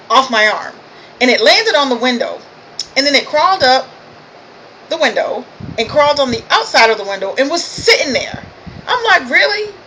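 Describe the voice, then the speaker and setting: Tired, chatty woman vlogger with a higher voice and a faint noise floor, self-amused storyteller. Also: a bit bright, low-quality recording. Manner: chatty, laughs at herself. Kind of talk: casual storytelling vlog.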